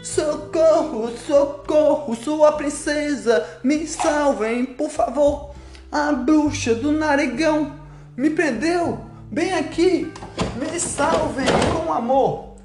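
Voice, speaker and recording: A woman singing as a young captive princess who is tender and lovelorn, in a slow, sing-song, pleading story-song. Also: high-pitched, a little mellow. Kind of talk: sung children's story-song. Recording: echoey room with faint music.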